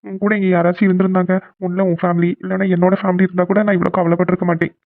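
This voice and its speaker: A man voicing a gentle, loving young husband in a cartoon, speaking softly and reassuringly. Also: high voice, little pitch movement, racing, creaky, no echo, phone-quality sound. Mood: tender. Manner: soft and reassuring. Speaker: husband who returns home. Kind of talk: cartoon voice acting.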